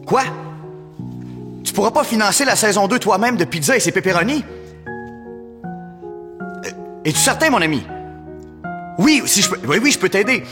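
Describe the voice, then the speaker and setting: A man putting on a frantic, squeaky voice. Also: lively intonation, moderate pace, long pauses, long reverb tail, over music.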